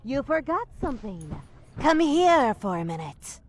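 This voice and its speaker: A woman's voice: high voice, sing-song, measured pace, slight background noise. A woman voicing a stern, menacing evil nun who scolds and commands in a horror video game. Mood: menacing scolding.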